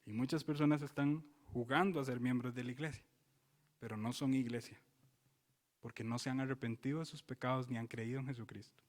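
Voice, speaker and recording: A male pastor preaching in a church sanctuary. He swings from loud, emphatic exclamations to quiet, solemn warnings and keeps asking the congregation rhetorical questions. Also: mid-range voice, steady tone, brisk, long reverb tail. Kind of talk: expository sermon.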